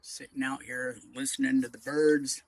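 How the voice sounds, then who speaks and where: A middle-aged man chats casually to viewers from his front deck. His voice sits at a medium pitch, and he rambles in short, leisurely phrases with pauses between them. The sound is dry and open, with no room echo. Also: flat delivery, vocal fry. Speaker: vlogger.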